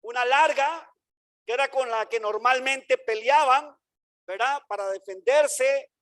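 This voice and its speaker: High-voiced man preaching a sermon. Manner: emphatic preaching with rhetorical questions to the congregation; swings between slow stressed phrases and sudden shouts. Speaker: pastor.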